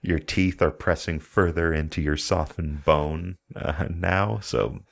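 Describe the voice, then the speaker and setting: Very deep-voiced male player. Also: takes it slowly, creaky. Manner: gleefully describing gore, laughs often. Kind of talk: casual tabletop game chat.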